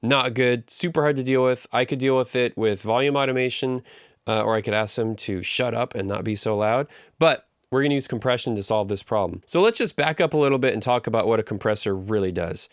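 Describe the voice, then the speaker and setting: A man's voice: medium pitch, fairly quick, no echo. Upbeat man explaining audio gear, dry sound. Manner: upbeat, joking, conversational explainer. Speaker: audio engineering instructor. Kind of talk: screen-recorded tutorial.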